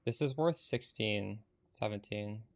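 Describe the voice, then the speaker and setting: A man's voice: on the low side, unhurried. A man live-streaming a game, talking bluntly and with some exasperation as he answers chat, swearing casually.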